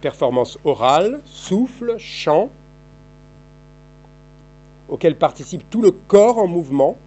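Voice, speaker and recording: A man in his fifties, a historian giving an academic seminar lecture in a seminar room, thinking aloud with frequent halting restarts and repeated words. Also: high voice, big pitch swings, mellow, soft background music. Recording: dull, lo-fi archive seminar recording.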